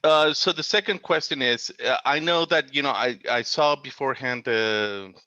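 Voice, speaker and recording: Male commenter on a choppy remote call, audio breaking up; hesitant and filler-heavy, smooth tone, dry sound. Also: mid-range voice, moderate pace, pushed and bright, no echo, highs cut off. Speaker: commission member commenting at a council meeting. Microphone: remote video call.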